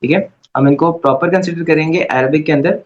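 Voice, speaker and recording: A man's voice: on the high side, a little fast, lo-fi sound. A man teaching an Arabic grammar class, explaining patiently and often checking in with his students. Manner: patient, repeats "okay" to check understanding. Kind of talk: online class lecture.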